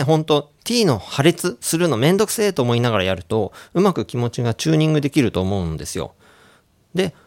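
A man hosting a radio English lesson who plays a friendly doctor giving out cures and explains pronunciation in a relaxed, joking way. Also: on the high side, gravelly. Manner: playful doctor role, casual asides. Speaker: radio show host and English coach.

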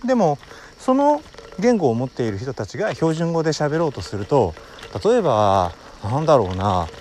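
A man from Wakayama hosting his own talk show at his family home, explaining in an unhurried way as he thinks aloud. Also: fairly high pitch, big pitch swings, a little mellow, slight background noise. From Wakayama, Japan. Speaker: podcast host. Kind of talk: casual solo talk.

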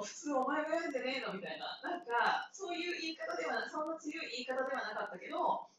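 A woman's voice: fairly high pitch, fairly bright tone. Chatty woman in her thirties, very echoey. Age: 30s. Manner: chatty and rambling, often laughing. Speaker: podcaster. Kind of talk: casual solo talk. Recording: very echoey room, far from the mic, with noisy background.

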